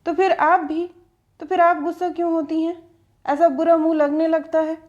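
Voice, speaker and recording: A woman's voice: extremely high pitch, level tone, normal speed, a little mellow, dull audio, voice pushed up. A woman voicing a cheeky young male chauffeur who teases and coaxes in a playful, mocking way. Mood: teasing.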